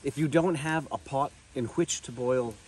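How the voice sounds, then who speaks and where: A man's voice: medium pitch, normal speed, darkish tone, slight background noise. A man in his thirties casually vlogging a family camping trip outdoors, talking wryly into a handheld camera at arm's length. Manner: playful, wry, chatty with his kids. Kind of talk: casual family travel vlog. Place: outdoors at a campsite and roadside.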